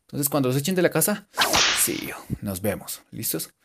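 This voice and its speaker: A man giving a casual, joking English lesson and repeating English words slowly for his students. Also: mid-range voice, big pitch swings, gravelly, heavy background noise. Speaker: English teacher. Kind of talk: casual bilingual language lesson.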